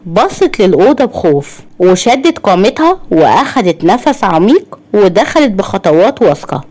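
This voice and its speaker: Animated Egyptian woman storyteller. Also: medium pitch. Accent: Egyptian Arabic. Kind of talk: storytelling narration.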